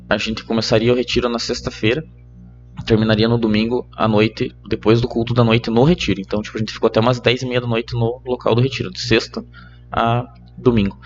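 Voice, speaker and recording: A young man with a Brazilian Portuguese accent, a podcast guest telling a personal story in casual chat, animated and laughing between lines. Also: mid-range voice, muffled recording. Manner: animated, laughs mid-story, many fillers.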